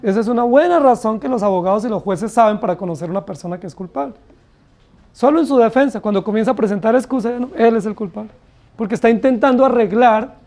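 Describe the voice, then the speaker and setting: A man's voice: high voice, a little mellow. A man with a Colombian Spanish accent, preaching a Bible study sermon in a church, often asking the congregation rhetorical questions and acting out quoted excuses. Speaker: pastor.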